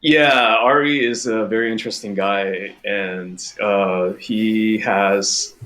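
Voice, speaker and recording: Man, thirties, Mandarin speaker, deeper voice, podcast guest, explanatory, restarts often. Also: steady tone, a bit bright. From Taiwan, raised in Canada. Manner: measured, explanatory, with frequent restarts. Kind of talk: casual conversational interview.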